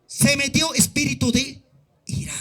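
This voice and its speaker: Male pastor with an Andean Peruvian accent; high, piercing voice; impassioned sermon that swings from shouts to low tones. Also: flat delivery, a little slow. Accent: Peruvian Andean Spanish mixed with Quechua.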